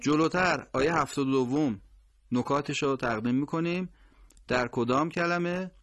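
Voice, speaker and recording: A man teaching Quran recitation who explains patiently and corrects mistakes, slowly drawing out each example word. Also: on the high side, fairly bright tone, no room sound. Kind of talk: instructional explanation with drawn-out pronunciation examples.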